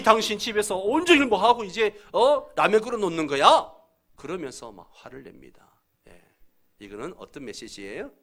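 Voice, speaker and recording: A man's voice: mid-range voice, pushed and bright. A middle-aged man preaching a sermon as pastor, calling out to the congregation for answers and acting out angry quoted lines in a raised voice. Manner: calls out to the congregation for responses.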